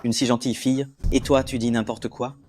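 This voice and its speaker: A man's voice: medium pitch, flat delivery, fairly quick, noisy background, natural voice. A middle-aged man dubbing a father who defends his daughter, sounding indignant. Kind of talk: French drama dubbing.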